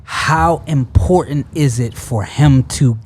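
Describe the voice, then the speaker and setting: Casting: adult man, podcast host, measured and careful, faint background noise. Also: medium pitch, darkish tone. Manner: measured, hedging before bold statements. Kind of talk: casual podcast chat.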